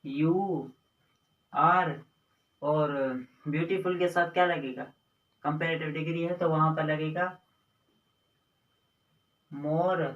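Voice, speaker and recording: A man's voice: on the high side, fairly even intonation, fairly bright tone, highs cut off. A man teaching a grammar lesson, explaining step by step, repeating himself and drawing out his words. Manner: slow, repetitive explaining with drawn-out words. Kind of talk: Hindi grammar lesson on English adjectives. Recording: echoey room, voice from a distance.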